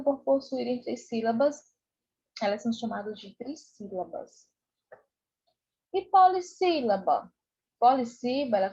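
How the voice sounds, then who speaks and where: A woman's voice: fairly high pitch, darkish tone, husky, muffled recording. A Brazilian woman teacher giving an online lesson for children, patient and repetitive, checking in often. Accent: Brazilian Portuguese. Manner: patient, repeats with "né?" and "tá bom?".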